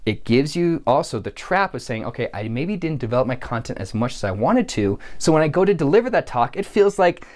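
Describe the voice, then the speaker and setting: A man's voice: a little high, big pitch swings, fairly quick, few pauses, darkish tone. Earnest man coaching speakers. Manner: earnest, encouraging, with frequent restarts and repeated words. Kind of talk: coaching video talk to camera.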